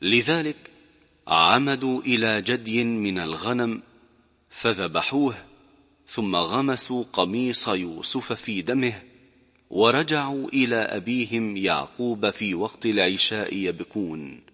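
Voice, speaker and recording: A man tells a religious story in a measured, steady narrating voice. His voice sits a little low but comes across bright and forceful. A noticeable reverb trails after his words. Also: breathy edge.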